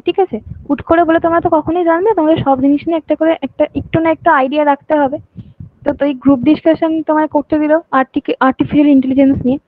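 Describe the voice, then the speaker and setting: A woman's voice: high-pitched, dry recording. A woman tuition teacher, giving an online lecture and often checking that students follow. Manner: repeats points, asks "ঠিক আছে?" often. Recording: tinny phone-like audio.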